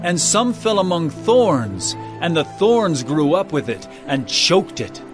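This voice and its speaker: An expressive, solemn Jesus, teaching. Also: male voice, fairly high pitch, music in the background. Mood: earnest teaching. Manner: deliberate, solemn teaching delivery. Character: Jesus, earnest teaching man of authority. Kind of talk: dramatized audio Bible acting.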